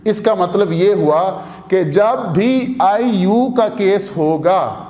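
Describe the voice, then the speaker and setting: A man's voice: high-pitched, lively intonation, slow, a little mellow, long reverb tail. A man with a Pakistani Urdu accent teaching a language lesson, talking to his students, repeating each rule and asking them questions. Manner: addresses students directly, repeats rules, asks questions. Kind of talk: explanatory lesson.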